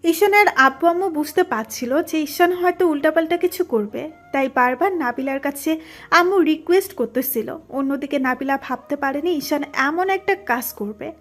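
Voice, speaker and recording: A woman narrating a romantic audio story in a steady, dramatic manner. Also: high-pitched, normal speed, soft background music.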